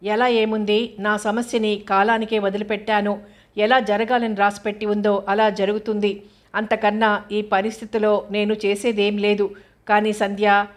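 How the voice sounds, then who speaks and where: Woman doing a brooding young guy in an audio novel, earnest, pleading, flat even voice. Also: medium pitch, close to an everyday voice. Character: young man, troubled and brooding.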